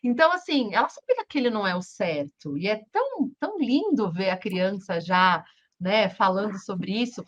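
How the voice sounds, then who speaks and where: A woman's voice: mid-range voice, moderate pace. A Brazilian Portuguese-accented woman in her forties hosting a casual interview, telling stories and acting out the quotes. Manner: animated storytelling, acts out quotes. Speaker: podcast host. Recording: dull lo-fi sound.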